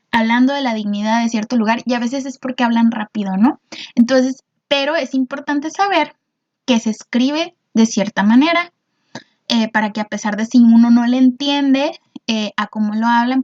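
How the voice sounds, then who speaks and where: A woman's voice: a little high, a little mellow, highs cut off. A woman teacher, patiently explaining a lesson and often checking in with her students. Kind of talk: recorded class explanation.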